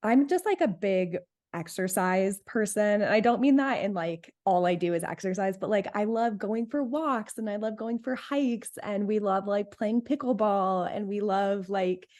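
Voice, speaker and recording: A woman in her late twenties from North Carolina, who works as a diabetes health coach, chats casually as an interview guest. Her voice is medium-pitched and a little mellow at a moderate pace, and she laughs often and fills gaps with "like."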